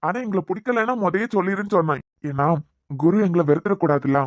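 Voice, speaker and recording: A man voicing a caring, anxious middle-aged father in a cartoon serial, speaking with a Kanyakumari Tamil accent in a soft, fatherly way. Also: high voice, lively intonation, fast talker, no room sound, clean studio sound. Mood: gentle.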